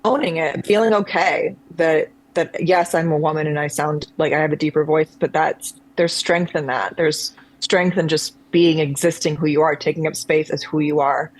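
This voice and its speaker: A woman's voice: deep voice, fairly even intonation, moderate pace, hardly any pauses, rough recording. A woman, a conservatory-trained actress, speaking as a guest on a video call, thoughtful and meandering with frequent restarts. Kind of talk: reflective conversational chat.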